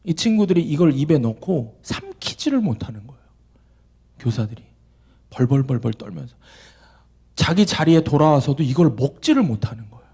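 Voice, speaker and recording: A man's voice: a little high, moderate pace, creaky, long pauses, husky. A young man preaching a sermon as a junior pastor, telling a story and asking his listeners questions, acting out the voices of the people in it. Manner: animated, acts out quoted voices, asks the audience questions.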